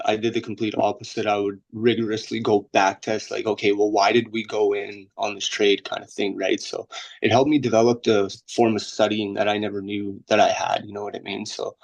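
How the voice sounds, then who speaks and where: A young Bosnian guest trader rambles loosely through a casual interview over a video call, often adding "you know what I mean" and "right?". His voice is low-side and gravelly, and the recording quality is poor.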